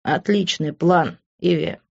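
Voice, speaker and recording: A woman's voice: lowish voice, normal speed, darkish tone, highs cut off, lightly acted. A woman voicing a sarcastic young man who speaks dryly and coldly. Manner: dry, clipped. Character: cold, sarcastic young man narrator-hero.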